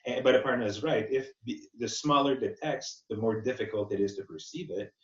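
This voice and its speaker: This accessibility specialist, presenting a relaxed webinar Q&A, speaks at medium pitch and a fairly fast clip. He works through ideas out loud and keeps restating them, all captured in muffled, band-limited sound.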